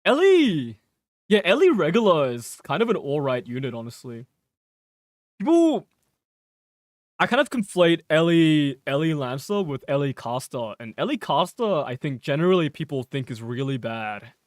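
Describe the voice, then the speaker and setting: Young dude streaming, rambly and sweary, kinda high voice, dry close sound. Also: male voice, lively intonation, brisk, few pauses, dry recording. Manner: rambling, swears freely, laughs at himself. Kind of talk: casual gameplay stream chat.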